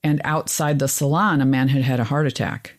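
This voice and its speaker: Animated woman telling a story. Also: a little fast. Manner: animated storyteller, rises in pitch when exasperated. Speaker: podcast co-host. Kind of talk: casual chat.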